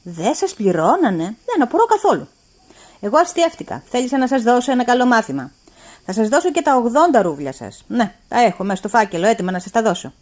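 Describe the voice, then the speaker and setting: Woman voicing a mocking male employer, loud and lecturing, higher-pitched and lively. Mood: exasperated. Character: stingy, mocking male employer, middle-aged.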